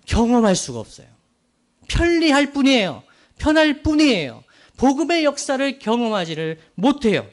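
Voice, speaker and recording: A man from Daegu preaching a sermon as pastor, in earnest, slow, emphatic phrases with questions to the congregation. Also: high voice. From Daegu, South Korea.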